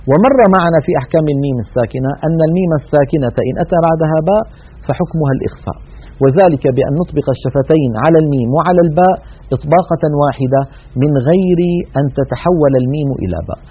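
Husky-voiced man teaching Quran recitation. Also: on the high side. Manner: measured, explanatory, demonstrates recitation. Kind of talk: broadcast tajweed lesson. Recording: tinny band-limited broadcast audio.

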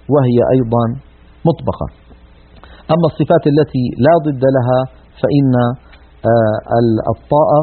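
A man teaching Quran recitation, explaining in a measured, didactic way and repeating sample syllables aloud. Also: mid-range voice, breathy edge. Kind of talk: instructional lesson on letter articulation. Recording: tinny phone-like broadcast audio.

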